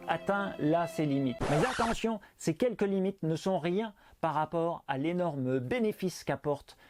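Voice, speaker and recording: A man presents a pronunciation lesson in a fairly high, mellow voice. He speaks clearly and emphatically and stretches out the example sounds. He adds playful, self-mocking asides. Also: animated, unhurried, faint music behind. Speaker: English pronunciation teacher. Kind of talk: explanatory video lesson.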